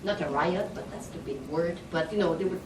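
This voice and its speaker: A woman speaks in a fairly low voice at a quick clip, her French Canadian accent showing that French is her first language. She gives a chatty conference talk, occasionally hunting for words. The audio comes from a distant mic in an echoey conference hall with audience noise.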